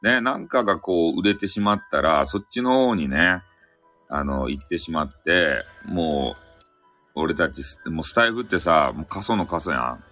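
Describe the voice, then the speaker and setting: Deep-voiced Hakata man, lively chat. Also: normal speed, faint music behind. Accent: Hakata dialect. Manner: chatty, joking, drifting between topics. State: slightly sore throat. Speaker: live-stream host. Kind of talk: casual chat. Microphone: phone app stream mic.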